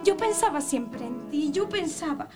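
A lively, gossipy young girl in a radio drama. She has a very high voice and an animated, rhythmic way of reciting. Guitar music plays clearly behind her. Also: unhurried. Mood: excited.

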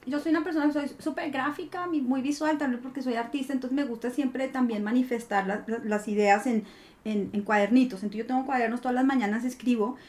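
A woman, an artist talking as a guest in an interview, animated and playful. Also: sits high, a little fast. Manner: animated, playful, acts out inner dialogues. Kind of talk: conversational interview.

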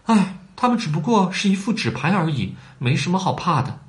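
A man's voice: sits high, sing-song, a little fast, voice pushed up. A man voicing a polite but bold young girl with a wondering manner in a storybook reading. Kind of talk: storybook voice acting.

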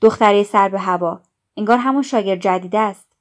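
A woman voicing a stern, pompous middle-aged male school patron who lectures loudly and self-righteously in a storybook reading. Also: mid-range voice, lightly acted. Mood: scolding.

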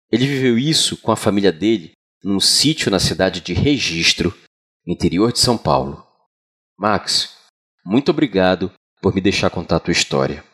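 A Brazilian man narrating as a podcast storyteller, with a sultry, deliberate, dramatic delivery of scripted horror tales. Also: low voice, a bit bright, husky. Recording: music bed behind voice. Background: background music.

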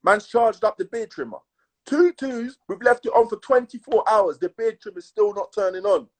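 A man with a London roadman accent telling stories in casual, slangy chat, emphatic and repetitive, with a husky voice. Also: sits high, animated, moderate pace. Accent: London urban, roadman. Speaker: podcast co-host.

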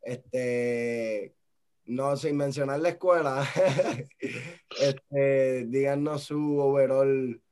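A young man with a Puerto Rican accent hosting a casual podcast chat, relaxed and sprinkling in English words. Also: medium pitch, extremely slow, clear, resonant tone. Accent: Puerto Rican Spanish. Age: young adult. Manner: relaxed, laid-back, mixes English words. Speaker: podcast host.

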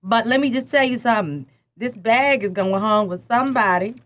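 A woman hosting a casual talk show, stretching out words as she raves about food. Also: fairly high pitch. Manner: lively, drawn-out food praise. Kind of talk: casual chat.

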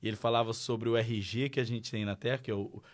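A man's voice: medium pitch, fast. Brazilian man telling his story. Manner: lively storyteller acting out dialogue. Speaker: guest. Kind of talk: casual testimony.

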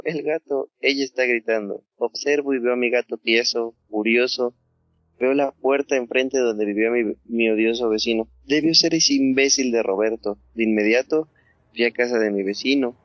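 A man's voice: medium pitch, steady tone, normal speed, dry recording. A man with a Mexican accent hosting a podcast, reading a listener's story aloud and then chatting casually with plenty of swearing. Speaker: podcast host. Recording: dull, dry lo-fi sound.

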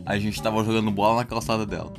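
Young man, podcast guest, rapid talk, corrects the story, clear music underneath. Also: lowish voice, steady tone. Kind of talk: casual podcast chat.

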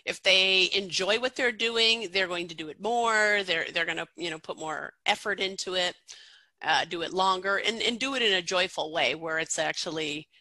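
A woman's voice: on the low side, moderate pace, pushed and bright, no room sound, low-quality recording. A middle-aged woman, a pronunciation teacher, explaining things in an interview in a chatty way with lots of fillers and restarts.

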